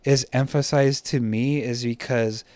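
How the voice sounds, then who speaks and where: A man talks through a slideshow lesson on art composition in a relaxed, unscripted way, full of fillers and little self-deprecating asides. His voice sits at an ordinary middle pitch. The sound is dry and close, with no room echo. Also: measured pace. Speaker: teacher.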